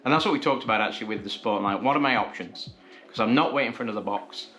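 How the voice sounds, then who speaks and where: A man's voice: fairly low pitch, rapid-fire, sharp tone, soft background music. A man vlogging, telling a frustrating story in a casual, exasperated way and acting out both sides of his phone calls.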